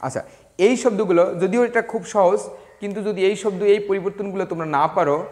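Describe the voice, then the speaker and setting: A man with a rather high-pitched voice gives a classroom grammar lesson. He talks slowly and deliberately, with small hesitations, and spells words out letter by letter for his students. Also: darkish tone. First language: Bengali. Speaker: English teacher.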